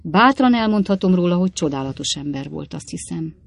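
Woman reader as sly one-eyed salesman, a storyteller; knowing and unhurried; audiobook. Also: on the low side, animated, vocal fry, no echo.

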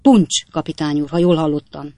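A woman's voice: low voice, warm tone, no echo. A woman reading aloud and voicing a timid, deferential male gardener who apologizes to his master. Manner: meek, apologetic, very polite.

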